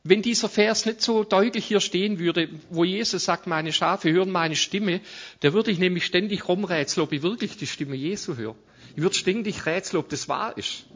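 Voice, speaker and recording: A man's voice: high voice, a bit bright, husky, dull audio. A man preaching a conversational sermon as a guest speaker, with frequent tag questions and restarts. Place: church service.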